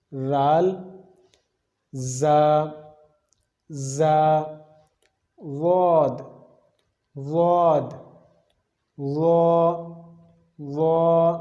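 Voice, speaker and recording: A man teaching Quran letter pronunciation, explaining each sound patiently and repeating it slowly for the listener. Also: sits high, mellow, echoey room. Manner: demonstrates sounds slowly and repeats them, often checks in with listeners. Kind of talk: patient step-by-step lesson.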